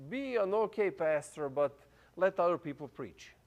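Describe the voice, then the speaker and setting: His voice sits high and sounds expressive, moving at a moderate pace. He's a pastor in his thirties whose first language isn't English, giving a relaxed, talkative sermon in a foreign accent, with lots of fillers, false starts and frequent laughter.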